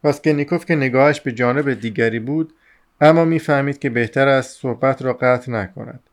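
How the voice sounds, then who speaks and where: A man narrating a classic novel as an audiobook, in a measured storytelling manner. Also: medium pitch.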